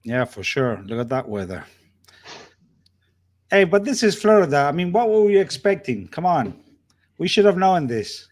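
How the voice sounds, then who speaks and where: A man's voice: a little high, very animated, normal speed, long pauses. A man hosting a casual sports talk show, chatty and joking with his guests. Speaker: show host.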